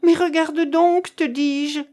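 A woman's voice: a little high, big pitch swings, unhurried, darkish tone. A woman reading the lines of an impulsive, agitated young man, urgent and exclaiming, in an audiobook. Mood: excited.

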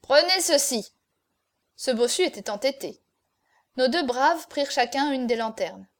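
High-voiced woman reading a novel. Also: expressive, normal speed. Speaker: narrator.

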